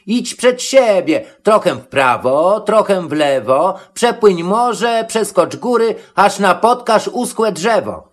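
A jittery male hare gives directions in a high, singsong lilt, as a man puts him on. He stretches the words out slowly in this storybook telling. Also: expressive, heavily acted.

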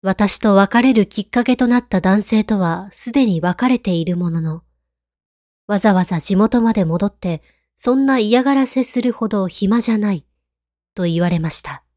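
Hushed, mellow woman telling ghost stories. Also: medium pitch, moderate pace, dry recording, studio quality. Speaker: ghost story narrator. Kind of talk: scripted horror story narration.

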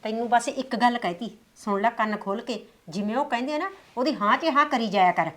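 Sharp-tongued village mother, as a woman plays her. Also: on the high side, fairly quick, close to an everyday voice. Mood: scolding. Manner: soothing with her daughter-in-law, scolding and threatening toward her son. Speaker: mother and mother-in-law. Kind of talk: village family drama acting.

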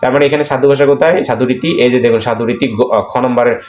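A man's voice: mid-range voice, fairly even intonation, fast, darkish tone. A man with a Bangladeshi accent teaching an exam-prep lesson, explaining each answer step by step and repeating questions, with frequent "aah" fillers. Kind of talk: screen-recorded lesson walking through quiz answers. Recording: echoey room, faint background noise.

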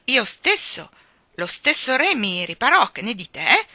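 A woman voicing a touchy, indignant little egg-shaped man who shouts his complaints. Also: medium pitch, moderate pace, no echo. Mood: shouting. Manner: shouting, huffy.

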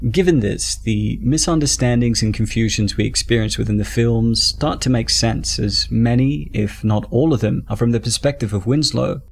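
A man giving scripted, measured narration for a film explainer video. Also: mid-range voice, creaky, slight background noise.

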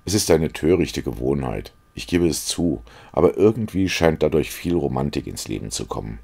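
Guy reading an earnest young painter, confiding, very low husky voice. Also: animated, normal speed, darkish tone, heavily acted.

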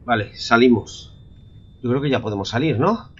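Spanish man, horror game commentary, swearing, hushed then yelping, muffled lo-fi sound. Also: medium pitch, expressive, normal speed, breathy edge. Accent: Spain Spanish. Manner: jumpy and profane, drops to whispers and bursts into yelps; keeps addressing viewers as lads. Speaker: gamer.

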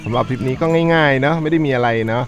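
A man's voice: mid-range voice, quick pace, music in the background. A middle-aged man hosting a family camping vlog, upbeat and addressing viewers politely. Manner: upbeat, talks to viewers, ends phrases with polite particles. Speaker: family vlog host, the father. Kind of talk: casual family vlog narration.

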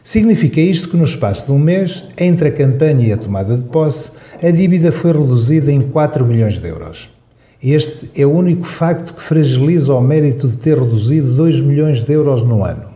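A man reading his radio opinion column in a measured, dryly ironic way. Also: mid-range voice, animated, warm tone. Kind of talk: read radio opinion piece.

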